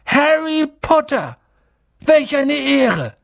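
A man's voice: high voice, wildly swooping pitch, slow, gravelly, breathy edge, dry recording, studio quality, voice pushed up, heavily acted. A man doing an awestruck old innkeeper. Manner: gushing, reverent. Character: excitable old bald male innkeeper. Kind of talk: audiobook reading.

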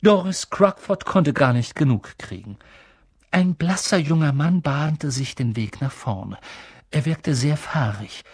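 A man narrating an audiobook in an expressive, theatrical way. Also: fairly high pitch, a little slow, husky, dry recording, clean studio sound. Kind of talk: audiobook reading.

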